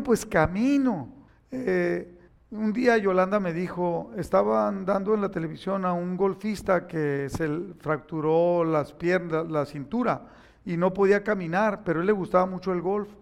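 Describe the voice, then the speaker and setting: A man's voice: sits high, gravelly. An older man with a Mexican accent preaching a sermon, emphatic and repetitive, speaking directly to his listeners.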